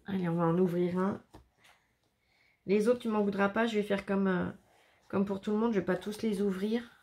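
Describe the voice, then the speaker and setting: A woman's voice: medium pitch, steady tone, moderate pace, a little mellow. A woman chatting casually as she unboxes handmade scrapbook albums, exclaiming and laughing often. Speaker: scrapbooking vlogger.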